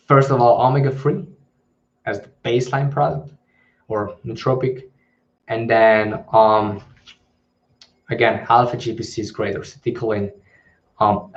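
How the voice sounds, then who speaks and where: A man hosting a live question-and-answer stream, answering in a hesitant way with many ums and restarts. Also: mid-range voice. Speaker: channel host. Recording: dull lo-fi livestream audio.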